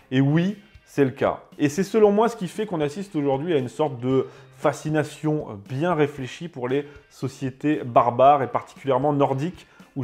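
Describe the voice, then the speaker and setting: A man delivering a scripted opinion piece with biting sarcasm and heavy emphasis. His voice sits at an ordinary middle pitch for a man. He speaks as a show host, scornful and pointed. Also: darkish tone. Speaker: show host reviewing a series.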